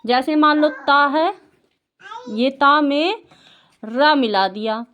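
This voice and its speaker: Woman teaching a kid at home, high voice, keeps asking and repeating, patient. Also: slow, highs cut off. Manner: patient, asks questions and repeats answers. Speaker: tutor teaching a child. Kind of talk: home tutoring, Hindi lesson.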